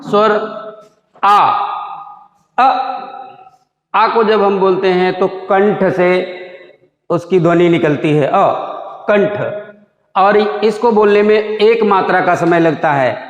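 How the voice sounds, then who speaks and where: Man, grammar teacher, high-pitched voice, demonstrates vowel sounds aloud, roomy reverberant recording. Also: measured pace, muffled recording. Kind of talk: classroom lesson explaining vowel sounds. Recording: echoey room with long reverb.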